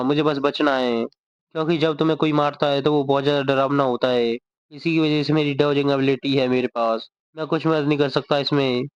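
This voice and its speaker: A man's voice: a little high, clean tone, no echo, natural voice. Man reading a frightened young trainee, pleading, dull dry take. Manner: panicky, pleading. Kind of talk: manga recap narration.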